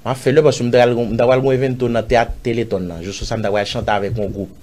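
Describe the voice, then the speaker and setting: A man with a Haitian accent, an interview guest recounting a personal story, acting out other people's lines with sudden loud jumps and dropping to murmurs. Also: racing, slight background noise. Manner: animated, acts out others' lines in raised voice; drops to low murmurs and whispers.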